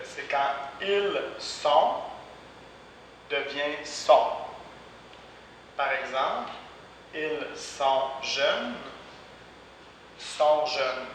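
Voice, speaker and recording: A man teaching a language lesson, speaking deliberately and repeating each example twice. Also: medium pitch, fairly bright tone. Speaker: French teacher. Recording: echoey room, voice far from mic, faint background hiss.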